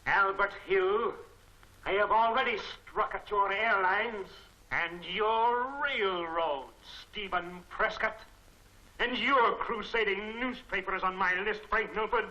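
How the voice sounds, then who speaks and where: An actor playing a menacing male criminal mastermind whose voice is played back from a recording cylinder, with slow, commanding 1940s serial delivery. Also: sits high, sharp tone, exaggerated voice, rough recording. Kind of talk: 1940s film serial acting.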